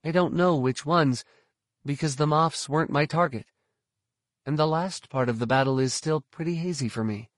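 A man putting on a steady young Jedi woman. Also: on the high side, normal speed, no echo, studio quality, pitched above the performer's own voice, close to an everyday voice. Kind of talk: audiobook narration.

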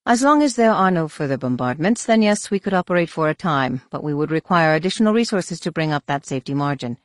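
A woman voicing a female alien base commander who talks in a flat, monotone way. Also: deep voice, quick pace, dry recording, clean studio sound.

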